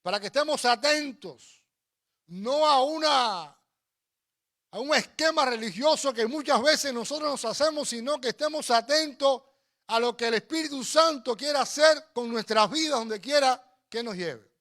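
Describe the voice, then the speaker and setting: Delivering a sermon full of personal stories, this man from Cuba exhorts his listeners emphatically and repeats phrases. His voice is very high-pitched with a sharp tone, and he speaks a little slowly.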